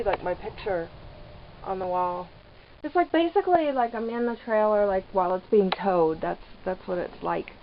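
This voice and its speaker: A woman giving rambling, hesitant, casual vlog commentary from inside a small trailer, pausing mid-sentence. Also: mid-range voice. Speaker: vlogger living off grid in a trailer. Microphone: handheld camera microphone. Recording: dull lo-fi camera audio, background noise.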